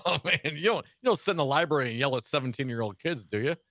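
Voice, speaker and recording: A man co-hosting a political talk show, laughing easily and tossing in quick, playful replies while reading news. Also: medium pitch, lively intonation, a bit bright, no room sound. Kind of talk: casual political banter.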